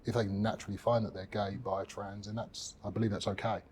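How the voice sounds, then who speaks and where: A British man in his thirties speaks in a fairly low voice during a relaxed podcast chat. He talks hesitantly, restarting phrases and leaning on fillers. A faint hum of ambience sits behind him. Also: quick pace. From United Kingdom. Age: 30s.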